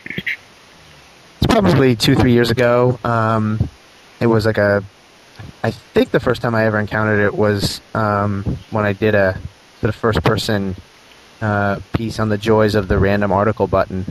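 A man who is a journalist guest answers interview questions, thinking aloud in a halting way with many restarts. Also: fairly low pitch, fairly even intonation, a little hiss or hum, poor audio.

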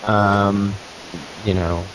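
A man who is a journalist guest answers interview questions, thinking aloud in a halting way with many restarts. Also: lowish voice, little pitch movement, slight background noise, rough recording.

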